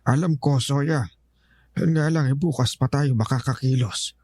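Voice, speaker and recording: A man's voice: mid-range voice, steady tone, a little slow, darkish tone, no room sound, close to an everyday voice. An actor playing a stern, protective old grandfather in an audio horror drama, giving urgent warnings. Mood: grave. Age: older.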